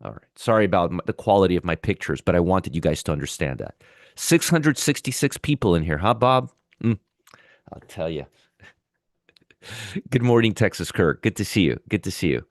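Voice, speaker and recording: The sick host of a live pre-market trading show, sore throat and all, chats through market commentary and restates his points. He speaks in a low-pitched, very animated voice at a moderate pace, in studio-quality sound with no echo.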